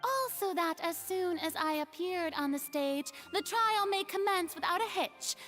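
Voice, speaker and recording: A woman's voice: very high-pitched, expressive, moderate pace, fairly bright tone, soft background music. An actress voicing a proud, theatrical young woman who was a goddess, in game dialogue, speaking in a poised, dramatic way. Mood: probing.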